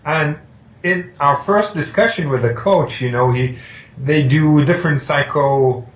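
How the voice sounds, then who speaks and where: A man's voice: a little high, a little slow. Hesitant Swiss-born man in an echoey room. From Switzerland. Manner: hesitant, with restarts, recounting calmly. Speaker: painter, interview guest. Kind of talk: conversational interview.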